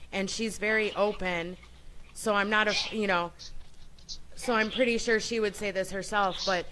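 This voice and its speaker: A woman hosting a radio show, chatting casually and admiringly in a loose, unscripted way as she gives shout-outs. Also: mid-range voice, a little hiss or hum.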